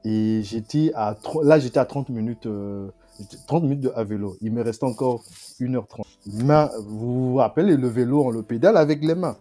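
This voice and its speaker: A young man from the Republic of the Congo, a student guest telling his story in a podcast interview, halting and often repeating himself. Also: mid-range voice, mellow, faint music behind.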